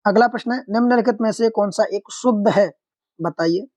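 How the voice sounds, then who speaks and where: A man's voice: high-pitched, fairly quick, darkish tone, no echo. A man teaching an online exam-prep lesson, explaining answers step by step, putting questions to viewers and calling them friends.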